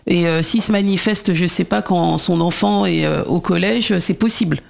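A man hosting a radio talk show, asking questions with frequent hesitations. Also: high voice. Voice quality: gravelly, hesitant with many pauses.

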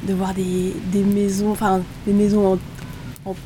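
A woman answering interview questions in a relaxed chat, speaking haltingly with many fillers and restarts. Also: mid-range voice, rough recording. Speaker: interview guest. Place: inside a tipi by a fire in the rain. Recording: steady rain noise in background.

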